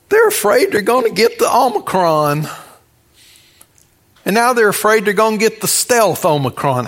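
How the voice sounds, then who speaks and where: Storytelling, repeated phrases and rhetorical questions shape the folksy, conversational sermon of this American man. His pitch is fairly high.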